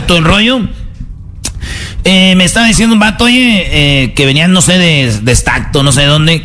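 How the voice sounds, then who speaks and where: A man's voice: on the high side, sharp tone. A man with a Mexican accent hosting a comedy show, telling jokes in rowdy, slangy banter. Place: outdoors at a city square festival.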